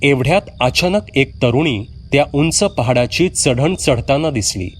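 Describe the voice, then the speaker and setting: A man's voice: medium pitch, animated, breathy edge. Man narrating a horror story. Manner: measured first-person telling with acted dialogue.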